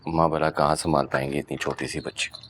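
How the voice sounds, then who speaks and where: Deep-voiced man arguing irritably. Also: flat delivery, quick pace, fairly bright tone, a little hiss or hum. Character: young husband, strained about money. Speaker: husband. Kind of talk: TV drama acting.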